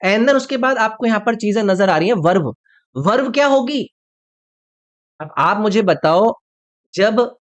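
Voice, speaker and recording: A man teaching an online exam-prep English lesson. He explains each point step by step, keeps asking the viewer questions, and reads the example sentences slowly and deliberately. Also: on the high side. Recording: slightly dull lo-fi recording.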